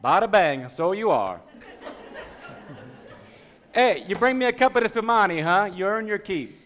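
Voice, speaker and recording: A menacingly genial mob boss. His voice sits fairly high and swings widely as he swaggers and needles, theatrical in the manner of a stage comedy. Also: very animated, a little slow, a bit bright, long reverb tail, heavily acted. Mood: irritated, bossy. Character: Italian-American mob boss, touchy, grandiose, menacingly genial. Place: church-style hall stage before an audience.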